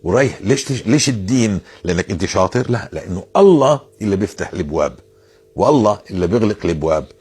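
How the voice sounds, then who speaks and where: A man's voice: deep voice, animated, rapid-fire, a little mellow, husky. A man giving informal religious advice, earnest and insistent, repeating phrases to drive his point home.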